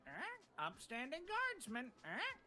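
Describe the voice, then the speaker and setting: Very high-pitched squawky little creature. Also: female voice, huge pitch swings, slow pace, bright, forceful tone, heavily acted. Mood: mocking echo.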